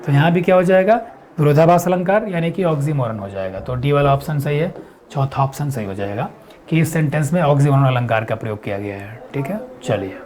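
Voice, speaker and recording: A man teaching an exam-prep lesson, explaining step by step and answering his own questions, reading quiz lines slowly. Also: medium pitch, a little mellow. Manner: reads English quiz lines slowly and deliberately.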